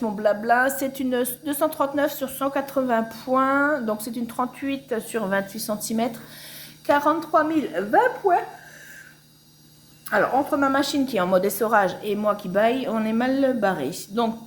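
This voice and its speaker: A woman casually showing her cross-stitch projects at home, talking in a rambling way with many hesitations. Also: sits high. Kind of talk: casual show-and-tell chat. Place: home, washing machine spinning nearby.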